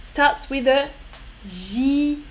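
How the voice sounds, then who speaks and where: Lady teacher, high voice, super slow, cheering students on. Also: slight background noise. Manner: slow, encouraging, switches between French and English. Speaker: French teacher. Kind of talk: live online lesson.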